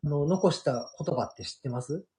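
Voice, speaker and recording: A man's voice: on the high side, normal speed. A middle-aged man with a Kansai Japanese accent, a guest manga artist telling stories in a casual radio chat, full of fillers and restarts. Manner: animated storyteller, many fillers.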